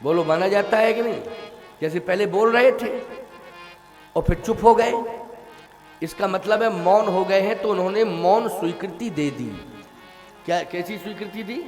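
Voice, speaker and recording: High-voiced preacher guy, slow sermon, keeps asking the crowd questions, tabla and music under him. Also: a little mellow. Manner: questions the audience and breaks into devotional singing. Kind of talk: sung Ram Katha sermon.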